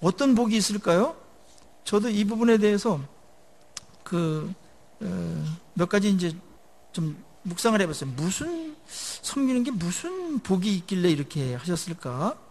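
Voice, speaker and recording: A male pastor preaching a sermon in a conversational way, asking the congregation questions and letting his phrase endings drop low after emphatic peaks. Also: sing-song, a little slow, darkish tone.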